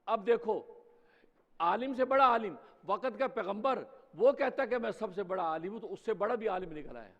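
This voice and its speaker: A mufti delivers a Friday sermon in a mosque, speaking emphatically and posing rhetorical questions. His voice sits high with lively intonation, and the recording is dull with long hall reverb.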